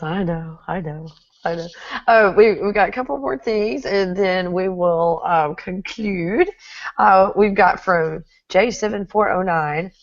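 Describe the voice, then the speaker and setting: A middle-aged Texan woman with a Texan accent hosts a casual interview, chatting away, laughing often, and reading viewer comments aloud. Her voice is lowish with vocal fry, on a dry recording with the highs cut off.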